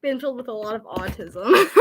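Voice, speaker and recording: A woman vlogging in casual chat to camera, rambling with lots of fillers and restarts, giggly and excitable. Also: a little high, moderate pace, heavy background noise.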